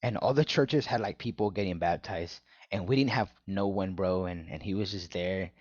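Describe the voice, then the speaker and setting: Animated young man telling stories, dull dry mic. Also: low voice, moderate pace, no echo. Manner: animated storyteller, says "bro" a lot. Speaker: former church member, co-host. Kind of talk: casual podcast chat.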